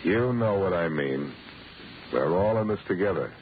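An actor playing a wry, assertive amateur sleuth in a 1940s radio drama. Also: male voice, deep voice, lively intonation, normal speed. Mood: pressing, confident. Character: brisk, wisecracking adult male amateur sleuth. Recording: muffled old radio recording, hiss.

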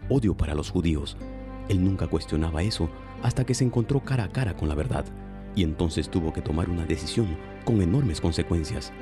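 A man announcing and narrating a religious radio program in a solemn, measured way. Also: low-pitched, expressive, over music.

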